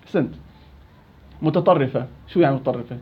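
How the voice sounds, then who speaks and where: A man's voice: medium pitch, fast talker, lo-fi sound, a little hiss or hum. A man teaching a Quran recitation class, quizzing students by name and teasing them. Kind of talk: interactive classroom lesson.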